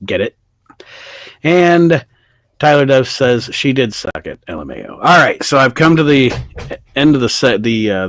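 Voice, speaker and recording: A man co-hosting a podcast talks through his views in a casual, opinionated way and reads viewer comments aloud. His voice sits at a middle pitch. The sound is dry and close. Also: no room sound. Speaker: podcast co-host. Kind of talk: casual wrestling chat.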